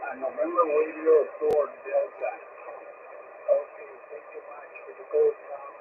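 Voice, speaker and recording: A man's voice: a little high, sing-song, measured pace, creaky. Crackly shortwave radio man. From Mexico. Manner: courteous, repeats sign-off phrases. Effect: crackly shortwave radio transmission. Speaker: amateur radio operator. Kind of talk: ham radio contact calls with phonetic call signs. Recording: crackly narrow-band shortwave radio, loud static. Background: radio static.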